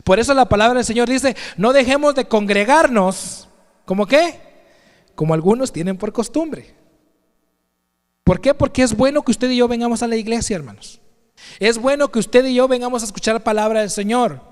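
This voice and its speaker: A man preaching, earnest and direct with his congregation, his voice lifting higher whenever he stresses a point. His tone is high and smooth, resonant and clean. The sound carries a long reverb, as in a church sanctuary. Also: animated, normal speed. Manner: earnest, addresses congregation directly, rising emphatic pitch. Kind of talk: sermon.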